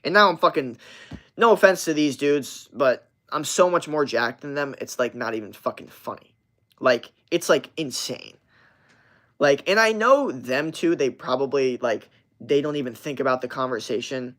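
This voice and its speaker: With lively intonation and a fairly bright mid-range voice at normal speed, a twenty-something man tells a story on his livestream. The telling is casual, profane, emphatic and meandering.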